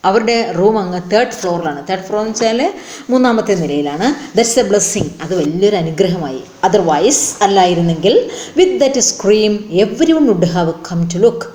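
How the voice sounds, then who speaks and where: A woman's voice: mid-range voice, expressive, dark tone. Echoey woman teacher. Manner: reads an English line slowly, then explains it. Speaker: English teacher. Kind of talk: bilingual lesson explaining a text line by line. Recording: roomy echo.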